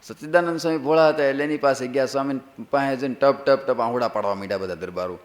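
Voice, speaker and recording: A man's voice: medium pitch, fast talker. A man who is a monk preacher, telling a sacred story as a sermon. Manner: lively storytelling, acts out characters.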